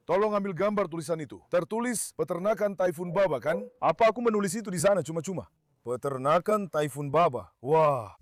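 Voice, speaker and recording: Excitable dubbed farm vlogger, man. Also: a little high, no echo, studio quality. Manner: excitable, often calls out to animals and viewers. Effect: dubbed voice-over. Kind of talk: casual vlog commentary.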